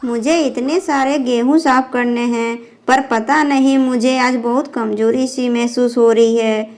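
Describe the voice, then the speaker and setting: A woman's voice: fairly high pitch, steady tone, unhurried, darkish tone, natural voice. A woman voicing a firm, chiding young mother. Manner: firm, chiding but caring. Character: young mother, busy and mildly scolding.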